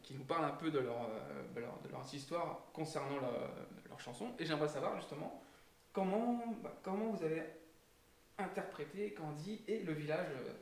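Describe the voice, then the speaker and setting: A man hosting his channel, asking questions in a halting way with many fillers and repeated words. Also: on the high side, roomy sound. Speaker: YouTube channel host, interviewer. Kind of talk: casual interview.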